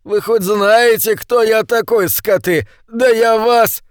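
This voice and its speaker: A man's voice: fairly high pitch, lively intonation, slow, clean tone, dry recording, studio quality, pitched above the performer's own voice. A man reading an audiobook, voicing a self-important politician who protests in indignant outbursts.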